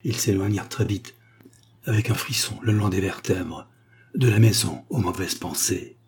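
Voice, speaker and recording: A man reading a literary story aloud as an audiobook narrator, measured and dramatic. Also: low-pitched, darkish tone, a little hiss or hum.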